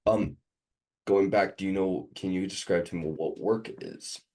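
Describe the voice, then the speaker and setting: A man's voice: low voice, steady tone, measured pace, darkish tone. A sick, sniffly man tutoring a student one on one, hesitant with many ums as he quizzes them.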